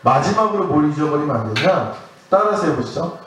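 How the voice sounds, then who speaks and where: Man preaching, earnest sermon, slightly high voice, big echoey church hall, from a distance. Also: expressive, a bit bright, slight background noise. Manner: earnest preaching with drawn-out stresses. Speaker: pastor. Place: church sanctuary.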